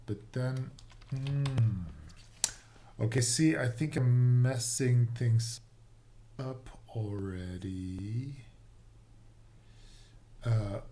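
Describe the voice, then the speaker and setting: This is a coding live stream where the programmer, a man whose first language is Dutch, from the Netherlands or the Dutch-speaking Low Countries, muses aloud in slow, halting bursts that trail off mid-thought. His voice is lowish and dark, with a little hiss or hum and the sound of typing and clicks behind it.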